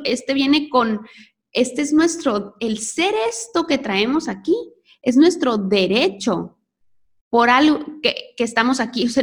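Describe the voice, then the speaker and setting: Woman, fairly high voice, reflective self-help talk, earnest, restarts mid-phrase, talks straight to the listener. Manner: earnest, searching for words with restarts; speaks directly to the listener. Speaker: host.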